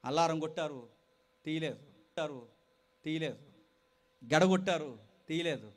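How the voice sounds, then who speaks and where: A man preaching a sermon to young people, moving from loud, urgent appeals to quiet, dramatic storytelling. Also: a little high, measured pace. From Telugu-speaking India. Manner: impassioned, swings from loud exhortation to quiet storytelling.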